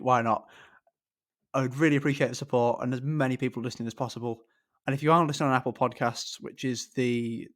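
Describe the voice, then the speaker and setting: Friendly man hosting a podcast. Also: medium pitch. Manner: friendly, rambling, informal. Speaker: podcast host. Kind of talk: podcast interview and outro.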